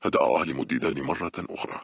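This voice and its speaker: A man narrating a horror audiobook in a steady, brisk storytelling manner. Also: very deep voice, gravelly, no echo, studio quality.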